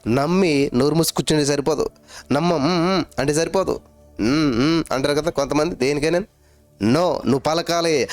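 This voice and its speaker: A man preaching a sermon with fervor, chanting repeated phrases and calling out hallelujahs, with English phrases drawn out slowly. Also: on the high side, darkish tone, no room sound. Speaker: pastor.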